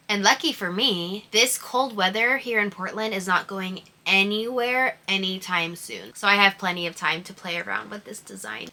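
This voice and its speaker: A woman's voice: medium pitch, pushed and bright. An American woman chatting casually and gushingly as a sewing vlogger, with a speech impediment that turns her R sounds toward w. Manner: gushing, informal, emphatic.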